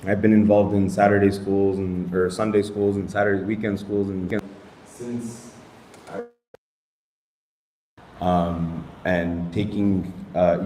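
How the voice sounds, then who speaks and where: A man's voice: sits low, mellow. A man in his thirties, an Islamic studies teacher, introducing himself with self-deprecating jokes, rambling asides and Arabic phrases. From United States. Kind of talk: casual self-introduction to a group. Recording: echoey room with faint noise.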